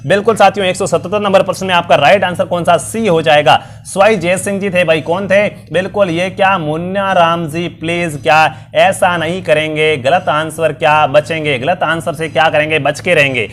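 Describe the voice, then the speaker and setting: High-voiced man with worn, strained voice. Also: a bit bright, slight background noise. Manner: repetitive, upbeat quizzing with frequent fillers. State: strained, worn voice from illness and long talking. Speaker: online exam-prep teacher. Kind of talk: live online quiz class.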